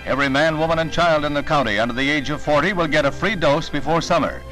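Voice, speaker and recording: A man narrating an old 1960 newsreel in a brisk, wry announcer style. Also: fairly high pitch, low-quality recording. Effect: old newsreel soundtrack. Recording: old newsreel with loud music bed.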